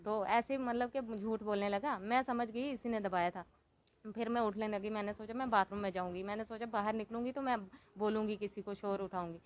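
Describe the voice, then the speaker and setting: A woman's voice: medium pitch, fairly even intonation, a little fast. A woman in her thirties giving an interview, retelling her own story in a plain, rambling way and quoting what others said. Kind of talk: recounting personal story.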